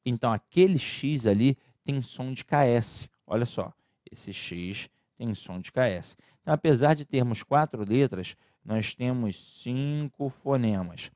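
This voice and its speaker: A man's voice: mid-range voice, lively intonation, a little slow, darkish tone, no echo, clean studio sound. A man giving a casual, chatty online grammar lecture for exam students. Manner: casual, chatty teaching with slang and diminutives. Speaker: Portuguese grammar teacher.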